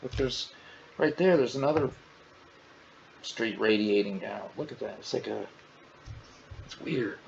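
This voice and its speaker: A man's voice: on the low side, measured pace, vocal fry, pauses often, slight background noise. A man, casually joking and exclaiming through flight simulator commentary. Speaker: gaming channel host. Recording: dull lo-fi audio, faint ambience.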